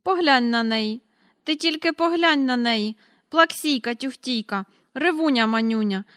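A woman voicing a tiny, very old shopkeeper woman with a squeaky voice, in a read-aloud storybook. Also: a little slow, a bit bright, smooth, dry recording, studio quality. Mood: mocking. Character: tiny ancient shrill old woman shopkeeper, sharp-tongued.

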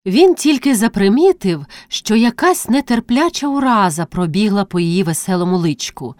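A woman narrating classic prose as an audiobook reading, with expressive storytelling. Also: mid-range voice, moderate pace, dry recording, studio quality.

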